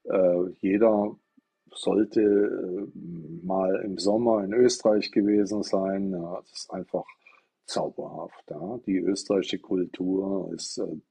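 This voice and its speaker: Husky, mellow-voiced man streaming from an iPad. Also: deep voice, steady tone, takes it slowly. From southwest Germany. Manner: rambling, explanatory, poses rhetorical questions. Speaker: livestreamer talking about Buddhism. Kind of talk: casual live-stream monologue.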